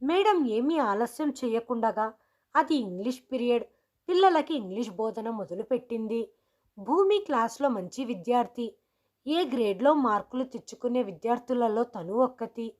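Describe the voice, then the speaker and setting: A woman reading a scripted first-person story in a steady, measured way. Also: a little high.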